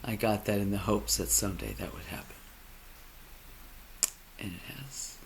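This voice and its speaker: A man speaking a personal monologue, halting and emotional, often dropping to a near whisper. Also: lowish voice, animated, noisy background. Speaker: vlogger.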